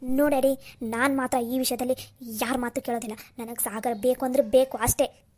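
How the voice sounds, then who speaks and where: A woman's voice: sits high, fairly even intonation, normal speed, warm tone. A woman voicing a headstrong young daughter in a cartoon who insists on getting her way. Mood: defiant. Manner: insistent and defiant. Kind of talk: Kannada cartoon voice acting.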